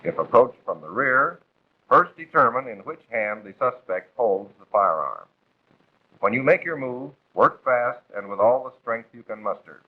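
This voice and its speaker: Heard on a muffled vintage film soundtrack that sounds like a phone line, an American man reads scripted narration for a 1940s instructional film. His medium-pitched voice is sing-song and slightly rough at normal speed, with a formal, authoritative, teaching delivery.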